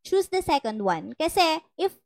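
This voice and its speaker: A woman's voice: high-pitched, big pitch swings, normal speed, vocal fry, background noise. A young Filipino woman hosting a casual advice talk, teasing and laughing often as she mixes in English. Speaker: podcast host giving love advice.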